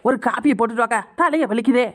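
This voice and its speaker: A woman's voice: fairly high pitch, fast talker, lightly acted. A woman voicing a crafty young village woman in a cartoon, coaxing and fake sobbing. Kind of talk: Tamil cartoon voice acting.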